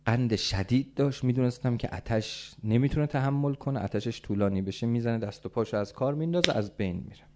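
A male preacher tells a religious story as a sermon. He has a mid-pitched voice. His delivery is dramatic, dropping to hushed lines and rising to loud calls. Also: few pauses.

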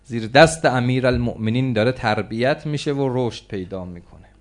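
A male preacher tells a religious story as a sermon. His mid-pitched voice swings from hushed, quick passages to loud, ringing outbursts. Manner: dramatic, swings between hushed and loud exclamations.

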